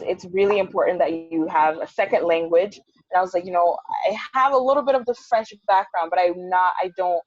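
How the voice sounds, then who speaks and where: A woman's voice: on the low side, dry recording. Young woman guest on a bad, choppy video call, chatty storyteller, muffled dry sound. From United States. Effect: choppy bad video-call connection. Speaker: interview guest, English teacher. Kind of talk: casual video-call interview. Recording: dull lo-fi call audio, dry.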